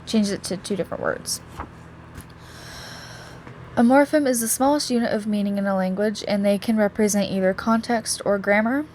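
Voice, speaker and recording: Young female student, relaxed chatty delivery, middle pitch, faint room noise. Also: normal speed, pauses often. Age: young adult. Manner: casual, with many likes and restarts. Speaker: student presenter. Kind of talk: class presentation.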